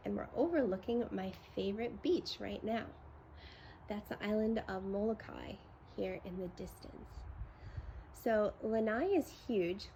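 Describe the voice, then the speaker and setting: A woman with a creaky voice giving an enthusiastic home tour as a gushing real estate agent, full of superlatives. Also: mid-range voice, mellow, slight background noise, poor audio. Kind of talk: enthusiastic property tour presentation.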